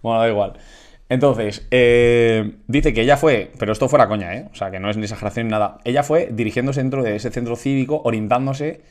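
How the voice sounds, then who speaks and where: Animated man telling a story. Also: medium pitch, brisk. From Spain. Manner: animated, acts out quotes of others. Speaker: podcast co-host. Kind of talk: casual comedic storytelling.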